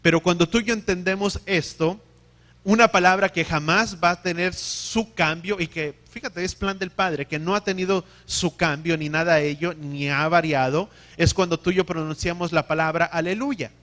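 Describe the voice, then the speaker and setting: A man's voice: sits high, normal speed, fairly bright tone. A man preaching a sermon, teaching, asking the congregation questions and often correcting himself mid-sentence.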